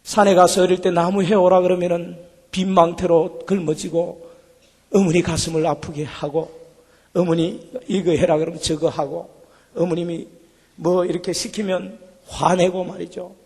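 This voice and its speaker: A man's voice: high-pitched, flat delivery, normal speed, darkish tone, slightly rough. A male pastor giving an emotional testimony sermon in a church sanctuary. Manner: emotional storytelling. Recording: long church hall reverb, faint music.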